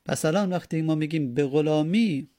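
A man's voice: fairly high pitch, background noise. A man teaching a grammar lesson, patiently repeating and spelling out each step. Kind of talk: Arabic grammar lesson in Persian.

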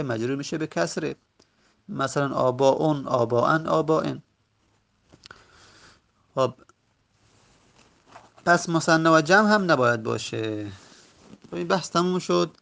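A man with a slightly high, gravelly voice teaches a grammar lesson. He patiently walks through each rule. He recites lists of word forms in a chanting rhythm and poses questions that he then answers himself. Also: fairly bright tone. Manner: asks and answers his own questions.

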